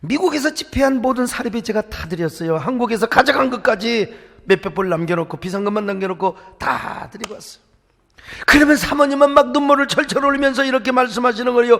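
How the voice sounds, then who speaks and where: A man's voice: very high-pitched, fast talker, a bit bright. A male pastor preaching a sermon, telling stories with emotion and breaking into song now and then. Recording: echoey church hall, faint music.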